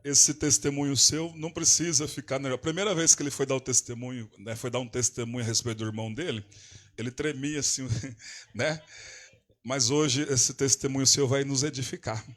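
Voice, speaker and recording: A man's voice: medium pitch, steady tone, brisk, a bit bright. A man leading a church service, introducing a testimony with encouraging words. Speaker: pastor.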